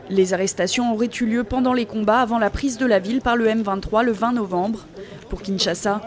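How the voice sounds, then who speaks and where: Woman reading a news report. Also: a little high. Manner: measured, even delivery. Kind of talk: scripted news narration.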